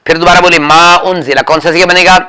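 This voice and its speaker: A man's voice: on the high side, fairly even intonation, fast talker, pushed and bright. A man teaching a grammar class, quizzing students and correcting them firmly and repeatedly. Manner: firm, repetitive corrections, calls on students by name. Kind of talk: drilling students in a grammar lesson.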